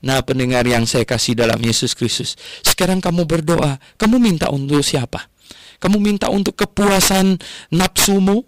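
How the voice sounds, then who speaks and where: A man preaching a radio sermon, telling stories with lively emphasis and frequent tag words. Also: a little high, moderate pace. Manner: animated storytelling, frequent "ya" tags.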